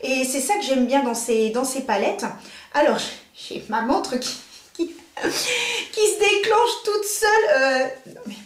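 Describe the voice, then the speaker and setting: A woman's voice: sits high, animated, slow pace, long pauses, reverberant. A middle-aged woman chatting through a makeup tutorial in a beauty salon, gushing and full of fillers. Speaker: beauty vlogger. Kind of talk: casual makeup tutorial chat.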